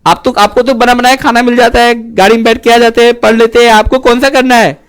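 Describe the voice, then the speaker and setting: A man's voice: very high voice, smooth. Hindi-speaking male teacher quizzing his class. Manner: keeps checking students understood with quick questions; joking and lively, then earnest and preachy. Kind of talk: classroom lecture.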